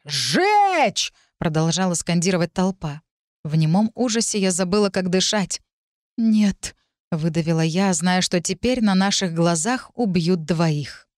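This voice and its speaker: A woman's voice: on the low side, a little mellow, dry recording. Woman reading a dramatic audiobook, dry. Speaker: audiobook narrator. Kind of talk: first-person audiobook narration.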